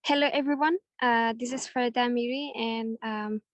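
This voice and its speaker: Earnest young Afghan woman, flat delivery. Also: a little high, a little fast, no echo. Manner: hesitant, many uh fillers, earnest. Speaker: panelist. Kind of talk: webinar presentation.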